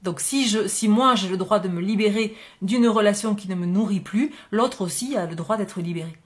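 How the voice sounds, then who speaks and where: Gentle French-speaking woman reading oracle cards. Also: medium pitch, normal speed. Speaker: oracle card reader. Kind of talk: spiritual love card reading.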